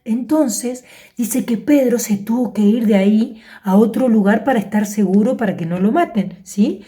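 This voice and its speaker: A high-voiced woman with an Argentine accent tells a Bible story to children. Her tone is mellow rather than bright, and she keeps it animated with little sound effects and "¿sí?" check-ins. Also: normal speed. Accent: Argentine Spanish.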